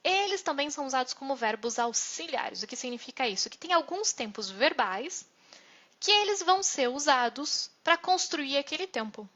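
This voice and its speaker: Woman, Brazilian Portuguese accent, German teacher, high voice, live online lesson. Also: expressive, normal speed, fairly bright tone. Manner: explanatory, checks in with frequent "né?" and "ok?". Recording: dull lo-fi sound.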